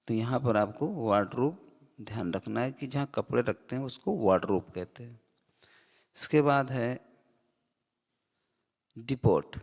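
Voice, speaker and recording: Male teacher, slow deliberate explainer, reads definitions out word by word, reverberant room. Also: mid-range voice, a little mellow. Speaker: English teacher. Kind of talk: vocabulary lesson.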